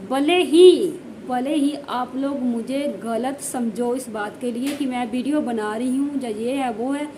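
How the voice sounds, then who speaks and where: A high-pitched woman from the Jammu region tells a family story on her home vlog. She talks in a casual way and says things twice to drive them home. A faint hiss sits under her voice. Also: measured pace. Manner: emphatic, repeats phrases for stress. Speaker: village housewife vlogger.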